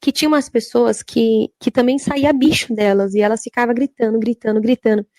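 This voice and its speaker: A woman, a church worker giving a religious testimony in a halting, repetitive way. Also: a little high, fairly even intonation, darkish tone, no echo. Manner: halting, repetitive, frequent filler tags.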